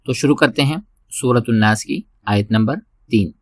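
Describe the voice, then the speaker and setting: A man teaching Quran recitation step by step, slow and patient, repeating each word and rising into long drawn-out chanted recitation. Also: medium pitch, no room sound, studio quality.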